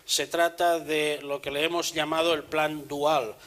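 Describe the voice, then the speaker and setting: A man preaching a sermon in church, measured and earnest, also reading scripture aloud. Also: fairly high pitch, level tone, a bit bright, rough recording.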